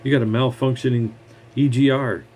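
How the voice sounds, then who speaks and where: A man's voice: medium pitch, fairly even intonation, moderate pace, a little mellow, a little hiss or hum. A mechanic, a man, giving blunt, heated advice in a scornful rant straight to the camera. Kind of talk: ranting advice monologue.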